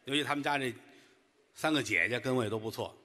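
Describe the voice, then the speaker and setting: A man who performs as the lead in a crosstalk comedy routine. He tells the story in a deadpan way and builds up to absurd punchlines. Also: mid-range voice, quick pace.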